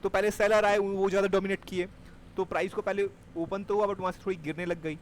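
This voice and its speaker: A stock market trading teacher runs a live class, explaining step by step and checking that his students keep up. His voice sits high, with a level tone and fast pace, and there is a little hiss or hum.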